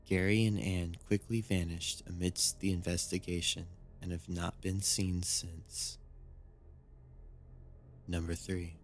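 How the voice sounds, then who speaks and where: A man reads scripted true-crime horror narration in a measured, solemn storytelling manner. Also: deep voice, a little hiss or hum. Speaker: narrator of a creepy mystery series. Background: background music.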